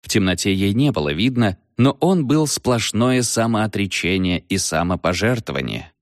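A man narrating an audiobook with a low voice, reading expressively with lively swings in pitch. The recording is dry and close, with no room sound. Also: moderate pace, no room sound. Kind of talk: scripted narration.

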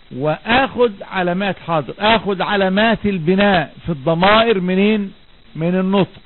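A man with an Egyptian Arabic accent teaching a grammar lesson, asking his students questions and answering them himself while repeating the key words. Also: sits high. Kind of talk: classroom lesson. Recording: tinny lo-fi recording, faint background noise.

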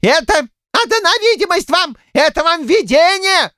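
A male audiobook narrator voicing a boastful, shifty old Cossack cook in a shrill, indignant, rambling folksy voice. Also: very animated, a little slow, fairly bright tone, no room sound, studio quality, exaggerated voice. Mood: panicked. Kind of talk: audiobook character voice.

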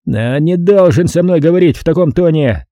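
A man voicing a blustering, loud middle-aged male studio boss with a hoarse, bellowing voice, read as an audiobook character. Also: on the high side, expressive, normal speed, dry recording, pitched above the performer's own voice. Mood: angry. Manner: shouts and gloats.

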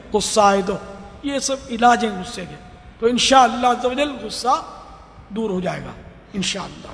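A man's voice: very high voice, in a large hall, slight background noise. A man preaching a sermon, telling stories and acting out the voices of people pleading. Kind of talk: religious sermon.

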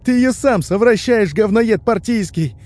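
A man voicing a terrified young man who shouts through tears in a trembling, breaking voice. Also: high voice, expressive, unhurried, voice pushed up. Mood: panicked. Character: frightened young man, sobbing, defiant.

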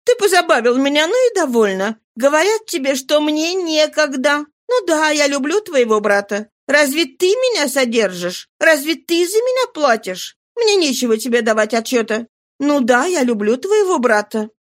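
A woman's voice: high voice, big pitch swings, normal speed, voice pushed up. A woman voicing a flighty, impatient young woman who scolds and exclaims.

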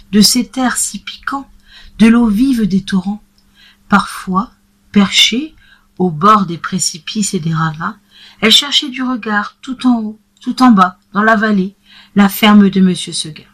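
A woman calmly narrating a classic tale in a measured storytelling manner. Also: mid-range voice, husky.

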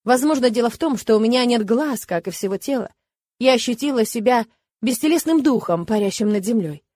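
A woman narrating a first-person fantasy audiobook with expressive, lively storytelling. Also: a little high, brisk.

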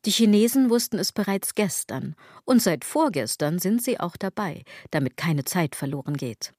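An actress takes on the part of a sardonic aging woman who muses on fashion and consumerism in a literary radio drama, using an ironic, declamatory style heavy with wordplay. Her fairly low, darkish voice has lively intonation and a moderate pace, in studio quality with no room sound.

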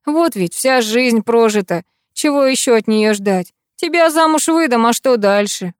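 A woman's voice: a little high, expressive, unhurried, dry recording, clean studio sound. A woman voicing a gloomy, grumbling old grandfather in an audiobook. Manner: grumbling, sorrowful.

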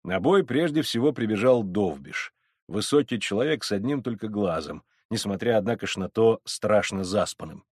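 A male audiobook narrator reads a classic tale expressively, with a lively rise and fall in his voice. His pitch sits in a middle register. The recording is dry and close. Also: normal speed, no room sound. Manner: expressive reading. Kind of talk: scripted narration.

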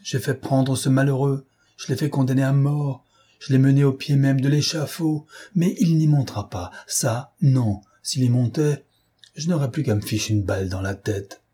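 Man reading as a commanding gentleman thief, urgent, imperious, dark husky voice, audiobook. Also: mid-range voice, moderate pace, pitched above the performer's own voice, natural voice. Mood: vehement.

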